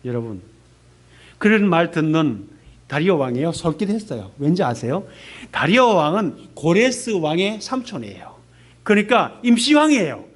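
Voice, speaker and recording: A man in his fifties, a missionary pastor, gives an animated testimony sermon in a church service and puts questions to the congregation. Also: fairly high pitch, normal speed. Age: 50s.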